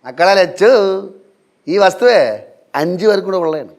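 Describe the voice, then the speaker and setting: An actor plays a stubborn, blustering middle-aged father of the family in a TV sitcom, with a teasing, blustering delivery. His voice sits high and is a little mellow, at normal speed and lightly acted, with faint music under the sitcom audio.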